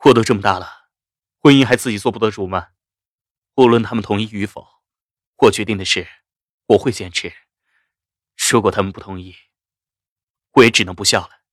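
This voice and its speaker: A woman voicing a calm, gentle young male doctor who speaks softly and evenly, in a dry close recording. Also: rumbling low, brisk, long pauses, no room sound, pitched below the performer's own voice. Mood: earnest. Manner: soft-spoken, mild and even.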